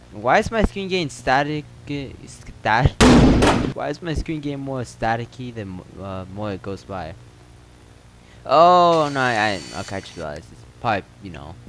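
A man's voice: fairly low pitch, poor audio. A man playing a horror game, reacting in jumpy, exclamatory bursts with laughing asides. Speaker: gamer. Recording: loud game noise behind.

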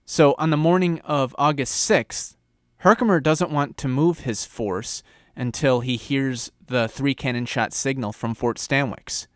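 A man's voice: medium pitch, unhurried, dry recording, studio quality. Man narrating history casually. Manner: conversational storytelling. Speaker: history channel host.

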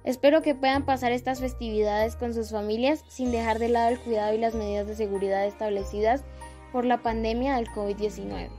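A woman's voice: on the high side, steady tone, fairly quick, dark tone, soft background music. A woman from Colombia, politely recording a holiday greeting.

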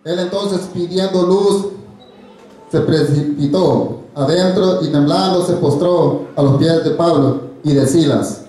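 Slow male scripture reader, echoey church. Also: on the high side, warm tone. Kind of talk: reading scripture aloud.

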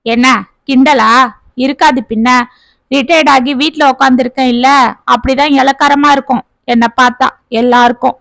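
A woman's voice: sits high, fairly even intonation, moderate pace, creaky, a bit bright, dry recording. A woman voicing a grumpy retired older man who grumbles and complains, in a family story. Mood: grumbling. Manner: sulking, complaining.

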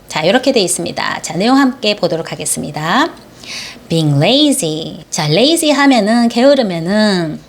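A woman with a Korean accent leads an English Bible lesson at an unhurried pace. Her pitch rises and falls in a lively way as she draws out each model phrase. She sounds patient and instructional.

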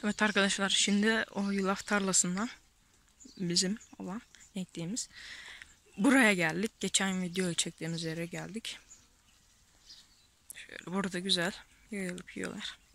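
A woman's voice: mid-range voice, steady tone, moderate pace, long pauses, fairly bright tone, slight background noise. A woman vlogging her village life outdoors while grazing sheep, talking casually and tenderly about the plants and animals around her. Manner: chatty, tender and pitying toward animals. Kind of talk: casual outdoor vlog narration. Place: outdoors on a hillside pasture.

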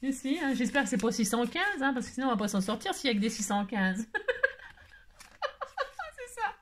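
A woman's voice: on the high side, very animated, a little fast, a little hiss or hum. A woman, hosting a scrapbooking vlog, talking in a playful, rambling way, full of fillers and teasing asides. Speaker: scrapbooking channel host. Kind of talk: chatty mail-opening vlog.

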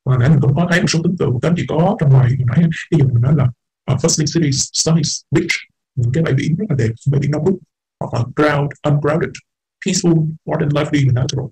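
Quick-talking male English teacher. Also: fairly high pitch, a little mellow, breathy edge, poor audio. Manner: explains patiently, repeats words, mixes English terms in. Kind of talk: online class lecture.

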